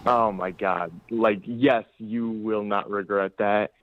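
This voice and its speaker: A man's voice: on the low side, fairly even intonation, slow. A male caller talking over the phone in a rambling way, full of fillers. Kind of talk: casual call-in chat. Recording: tinny dry phone line.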